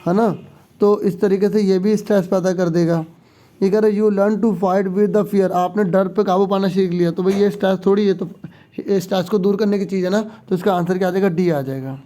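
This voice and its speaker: High-voiced male teacher, patient. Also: dark tone. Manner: explanatory, repeats "theek hai", reads English questions slowly then explains. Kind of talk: exam-prep lesson, explaining a sample paper.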